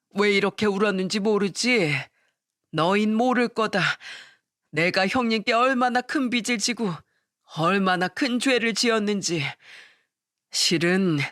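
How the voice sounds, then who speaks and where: A woman's voice: medium pitch, measured pace, a bit bright, no room sound, studio quality, close to an everyday voice. A woman reading the part of a remorseful man in his sixties, talking in an emotional, pleading way, for an audio story. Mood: reminiscing.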